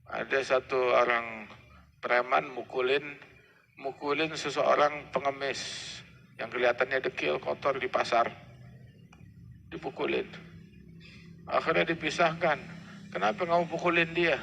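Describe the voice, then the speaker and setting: Preacher with gravelly voice. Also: male voice, medium pitch, steady tone, measured pace, long pauses, a bit bright. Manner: conversational, acts out dialogue. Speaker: Islamic preacher. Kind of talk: sermon storytelling. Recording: reverberant hall with faint noise.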